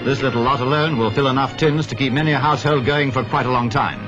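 A man giving brisk, upbeat old 1950s newsreel narration as the announcer. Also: medium pitch. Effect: 1950s newsreel sound. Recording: dull lo-fi 1950s newsreel audio with loud music.

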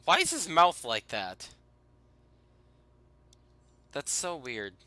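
Bright, clear-voiced man doing game commentary. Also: a little high, wildly swooping pitch, slow. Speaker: gaming video host. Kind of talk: casual let's play commentary.

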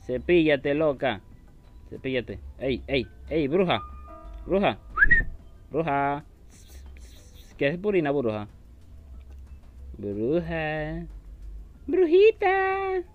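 A man's voice: mid-range voice, animated, drawn-out words, pauses often, phone-quality sound, faint music behind. A man commenting on a horror game he is playing, taunting the enemy and shrieking when startled. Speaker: gaming YouTuber.

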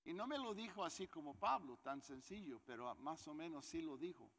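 A man's voice: fairly high pitch, animated, fairly quick, a bit bright, in a large hall. A man preaching a sermon, talking conversationally and putting questions to his congregation. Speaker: pastor.

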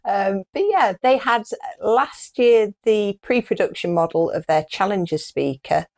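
A middle-aged British woman co-hosts a show, chatting casually in a small wood-panelled room indoors. Her voice is mid-range and darkish, at a measured pace.

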